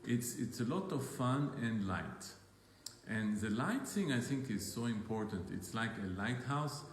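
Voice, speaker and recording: A man talks very slowly and haltingly in a casual faith chat, often pausing on fillers. His voice rings in an echoey room with a long reverb tail. A faint ambient hum sits behind him. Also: mid-range voice, very animated. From Israel. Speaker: ministry co-host.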